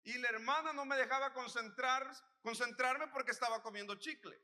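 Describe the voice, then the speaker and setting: A man's voice: very high-pitched, brisk, sharp tone, big-room sound, voice pushed up, exaggerated voice. A man voicing a cocky young male churchgoer who complains in a raised, whiny voice. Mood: complaining.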